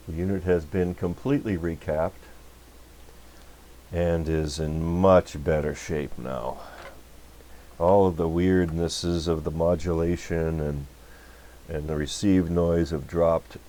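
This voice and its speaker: A deep-voiced man with a warm tone speaks slowly as host of a radio repair channel, leading a casual workbench demonstration. His talk is informal, folksy and rambling.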